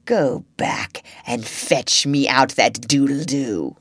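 A woman's voice: medium pitch, big pitch swings, slow, a bit bright, dry recording, pitched above the performer's own voice, full character voice. A woman voicing a sardonic male pirate captain in a storybook reading, theatrical and full of mock-pleasant menace. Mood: steely. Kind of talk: storybook narration character voice.

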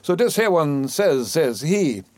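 A man's voice: a little high, sing-song, unhurried, darkish tone, dry recording, pitched above the performer's own voice. An old storyteller , as a man recites him, spins a yarn for a fidgety child in a folksy drawl. He scolds fondly and keeps the tale rolling. The sound is dry and close. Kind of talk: dialect poem recitation.

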